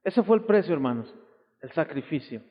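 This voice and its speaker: With a slightly high voice, lively intonation and normal speed, a Mexican pastor preaches an emphatic, exclamatory sermon, voicing the people in his stories. The church hall recording is old, tinny and lo-fi from the 1990s, with long reverberation.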